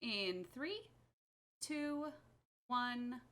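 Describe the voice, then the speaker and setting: A woman hosting a charity speedrun livestream, upbeat and brisk as she counts runners in. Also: fairly high pitch, lively intonation, sharp tone. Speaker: speedathon event host.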